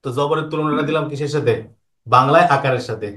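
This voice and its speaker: Patient teacher, repeating answers. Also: male voice, fairly high pitch, a bit bright. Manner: patient, asks questions then repeats the answers slowly. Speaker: Quran teacher. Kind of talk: online lesson explaining Arabic vowel marks.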